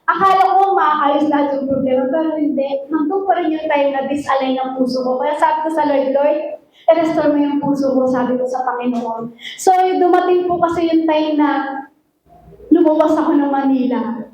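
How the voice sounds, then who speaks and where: A woman's voice: sits high, normal speed, darkish tone, a little hiss or hum. A woman pastor giving an emotional, sing-song sermon with repeated appeals to the congregation. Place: church hall. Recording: very echoey church hall, mic far off.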